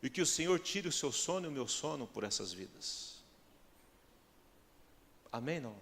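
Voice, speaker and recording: Man, Brazilian accent, pastor preaching, mid pitch, long church reverb. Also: lively intonation, moderate pace, creaky. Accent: Brazilian Portuguese. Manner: rhetorical questions to the congregation, builds to loud emphatic peaks. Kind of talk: sermon. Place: church hall.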